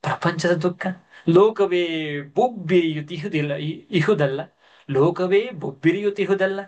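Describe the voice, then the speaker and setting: A man's voice: sits high, unhurried, a little mellow, voice pushed up. An earnest young prince, troubled by the world's suffering, as a lecturer puts him on. His lines come in raised, declaimed verse, a little above the reader's own voice. It is a dramatic play reading rather than everyday speech.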